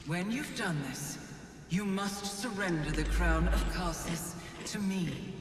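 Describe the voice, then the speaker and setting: An ageless goddess in a video game, solemn and commanding. Her stately goddess voice moves slowly through a vast echo and long reverb, sounding far away. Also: fairly low pitch, over music. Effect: heavy otherworldly echo. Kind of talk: scripted video game dialogue. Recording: cavernous echo, long reverb, distant, noisy.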